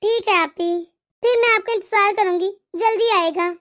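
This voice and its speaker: A woman voicing a young daughter-in-law in an animated moral story, complaining and pleading. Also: very high-pitched, normal speed. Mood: upset. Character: young wife, hurt and fed up.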